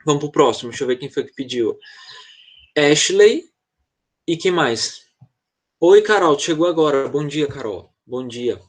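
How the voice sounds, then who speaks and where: A man's voice: on the high side, expressive, measured pace, long pauses. A man with a Brazilian Portuguese accent teaching an online class to children, explaining patiently and checking in often over a video call. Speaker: English teacher.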